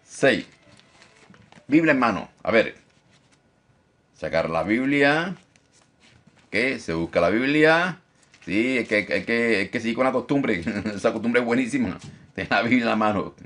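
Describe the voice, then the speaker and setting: Animated preacher man with lively pitch. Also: measured pace, long pauses. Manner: animated, mimics objectors in a high voice, repeats for emphasis. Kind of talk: live-streamed Bible teaching.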